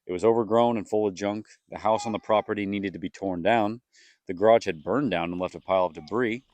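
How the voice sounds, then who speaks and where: A man's voice: fairly low pitch, a little fast, darkish tone, no echo. A young man reading a scripted vlog voice-over as an earnest storyteller. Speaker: family vlogger, co-host.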